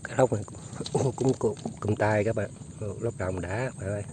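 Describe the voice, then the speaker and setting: A man's voice: lowish voice, normal speed, noisy background. Chatty man outdoors by flooded fields. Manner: chatty, keeps addressing viewers. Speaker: outdoor fishing and trapping vlogger. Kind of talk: casual narration to viewers while working.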